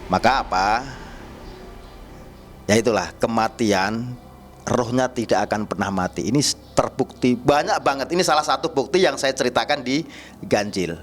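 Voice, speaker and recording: A man's voice: mid-range voice, moderate pace, long pauses, faint music behind. A man telling a personal story casually, acting out the dialogue as he goes. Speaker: guest storyteller, spiritual healer.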